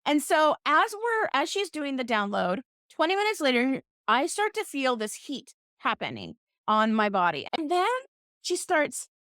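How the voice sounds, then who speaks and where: A woman's voice: high voice, big pitch swings, unhurried, bright, forceful tone, no room sound, clean studio sound. A woman hosting a podcast, telling a story in a playful, self-mocking, casual way. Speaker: podcast host.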